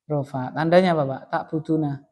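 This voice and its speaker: A man with a Javanese accent teaches Arabic grammar in a classroom, explaining patiently and quizzing students with frequent questions. His voice is a little high and darkish, with fairly even intonation and a fairly quick pace.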